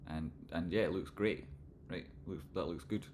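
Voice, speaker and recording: A Scottish man with a broad accent hosts a livestream as a trading analyst, commenting on charts and chatting with viewers in a loose, informal way that isn't always crisply enunciated. His voice is low-pitched and darkish at a normal speed, with slight background noise.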